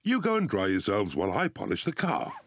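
A man's voice: fairly low pitch, wildly swooping pitch, brisk, heavy background noise. An actor playing a jolly, boastful father pig in a cartoon, self-assured and chuckling. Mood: confident. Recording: cartoon with loud music underneath.

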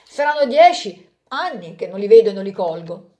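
A woman's voice: medium pitch, natural voice. A woman voicing a cheerful lady in a storybook, speaking with glee. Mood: gleeful. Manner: gleeful, quick and lively. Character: cheerful woman who loves flowers.

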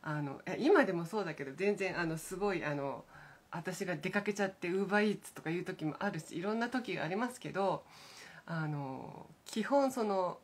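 A middle-aged woman with a husky, breathy voice pitched on the low side chats casually on a morning live stream. She meanders from thought to thought, hesitating often and slipping in soft, self-amused asides. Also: expressive, moderate pace. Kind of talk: casual rambling chat.

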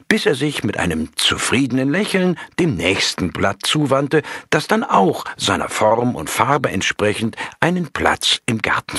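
A man reading a story aloud in a calm, measured storytelling manner. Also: lowish voice, breathy edge, no room sound, studio quality. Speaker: audiobook narrator. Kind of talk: scripted narration of a story.

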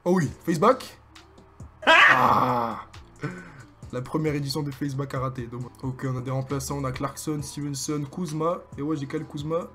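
A young man with a French accent commentating his own basketball video game, excitable and joking as he hypes his plays. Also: mid-range voice, fairly quick, hardly any pauses, over music. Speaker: gaming streamer. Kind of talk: live gameplay commentary.

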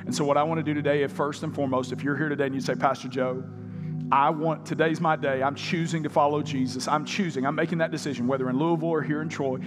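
A man's voice: on the high side, steady tone, fast talker. A man preaching a sermon as pastor, telling a story and leading an altar call, with music behind. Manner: storytelling, shouting quoted lines, then altar call. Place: large church auditorium. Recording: live church hall with music behind.

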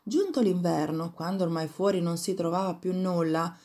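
A woman reading a fairy tale aloud in a calm, even narrating manner. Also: on the low side, normal speed. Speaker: storyteller.

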